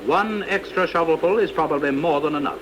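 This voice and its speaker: A British man reads scripted narration for a vintage training film, precise, measured and didactic. His voice is a little high, and the recording is very noisy.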